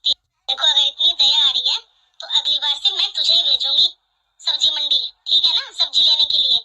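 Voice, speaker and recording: Woman playing a bossy mother-in-law, sharp and taunting, high piercing voice, cartoon drama. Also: fairly even intonation, moderate pace, low-quality recording. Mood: scolding. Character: bossy, scolding middle-aged mother-in-law. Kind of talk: animated family drama voice acting.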